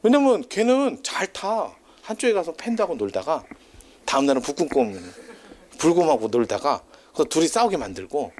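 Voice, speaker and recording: A male lecturer talking to a class in a loose, chatty way, his pitch swinging up and down. He drifts off on tangents, teases and laughs often. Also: sing-song, normal speed, a little mellow.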